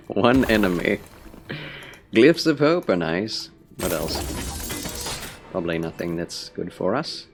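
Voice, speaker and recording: A man's voice: sits low, sing-song, takes it slowly, long pauses, music in the background. A man with a scratchy, phlegmy voice, tired and under the weather, chatting casually as he streams a game and talks to viewers in a rambling way. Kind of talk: casual livestream chat with game commentary.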